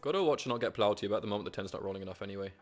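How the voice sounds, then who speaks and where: A young man streaming himself playing a board game online, talking to himself with excitable, swearing commentary. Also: lowish voice, racing, faint music behind. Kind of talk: live gameplay commentary.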